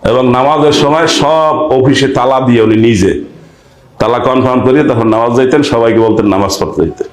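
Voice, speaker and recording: A man delivers a sermon, at a middling pitch, firing rhetorical questions at his listeners. He slips into short acted-out exchanges between villagers. His voice rings through a roomy, echoey space. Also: normal speed. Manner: rhetorical questions to the audience, acts out village dialogue. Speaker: preacher giving Quran commentary.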